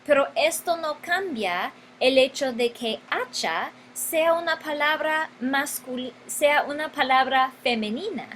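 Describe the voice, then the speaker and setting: Woman, Spanish teacher, unhurried, faint background hiss. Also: sits high, lively intonation, a bit bright, poor audio. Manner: slow, deliberate, stretches key words and repeats them. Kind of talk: grammar lesson.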